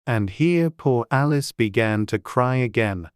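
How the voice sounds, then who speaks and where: A woman's voice: very deep voice, expressive, unhurried, smooth, no room sound, studio quality. A woman narrating a classic storybook in a dramatized audiobook reading.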